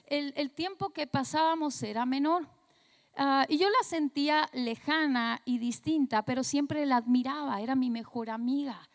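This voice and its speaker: A woman pastor, slightly hoarse, telling a personal story in a conversational sermon with frequent tag questions. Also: high-pitched, in a large hall.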